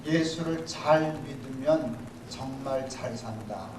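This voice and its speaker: A man, a pastor, preaching a sermon in a lively storytelling way with humor, in a church. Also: medium pitch, slow pace, background noise. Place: church sanctuary. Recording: echoey hall, mic from a distance.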